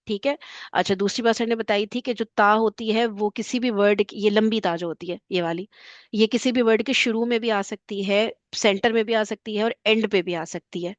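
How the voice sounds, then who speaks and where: A woman's voice: mid-range voice, steady tone, dry recording. A woman teacher patiently recapping a grammar class, often checking that students follow. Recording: dull lo-fi voice.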